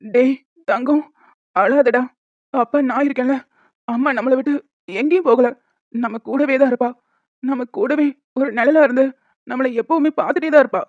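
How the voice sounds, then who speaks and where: A woman's voice: a little high, brisk, no echo, natural voice. A tearful grieving young father, voiced by a woman. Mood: tender, tearful. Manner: tender, tearful cooing. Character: grieving young father soothing his newborn son. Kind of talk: amateur animated drama. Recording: dry, slightly dull lo-fi.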